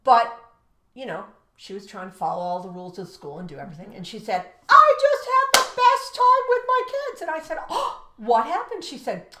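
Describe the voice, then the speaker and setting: This American teacher has a high, bright, forceful voice with wildly swooping pitch and a moderate pace. Co-hosting an education show, she animatedly recounts classroom stories, acts out dialogue, and gives emphatic advice. The room echoes, and there's slight background noise.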